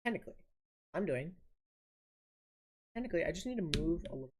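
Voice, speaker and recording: A woman's voice: on the low side, animated, fairly quick, background noise. A woman streaming a building game, casually thinking aloud and muttering each step to herself. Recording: audible keyboard typing and clicks.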